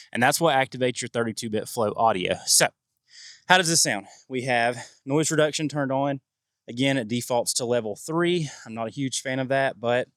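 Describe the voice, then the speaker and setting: A man's voice: mid-range voice, no room sound, clean studio sound. A man outdoors in a windy field, casually explaining gear while heavy in-mic noise reduction processes his voice. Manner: relaxed, explanatory, thinking aloud. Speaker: gear reviewer. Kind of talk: casual gear review vlog. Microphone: wireless clip-on mic with furry windscreen.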